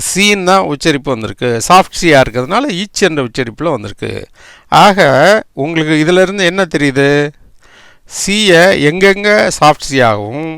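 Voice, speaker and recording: Man, high lively voice, gravelly, dry close sound, patient spelling lesson. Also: no echo. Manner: spells out words letter by letter, often asks "right?". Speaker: English teacher.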